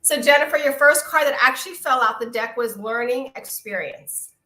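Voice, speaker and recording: Her voice sits high and moves at a moderate pace as the middle-aged woman, Brooklyn accent and all, casually chats through oracle card readings on a live stream. Warm greetings and frequent hearty laughs fill her talk, captured in a reverberant, rough recording.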